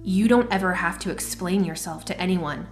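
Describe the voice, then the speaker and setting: A woman voicing a wise, stern female mentor in a storybook reading, speaking in a calm, firm, measured way. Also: on the low side, soft background music, natural voice.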